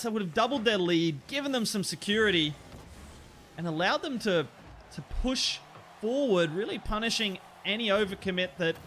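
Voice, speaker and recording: A man casting an online car-soccer match with excitable play-by-play commentary, breaking into laughter and jumping up on near misses. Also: high voice, a little hiss or hum. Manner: excitable, laughs at plays, rises sharply on chances. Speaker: esports caster.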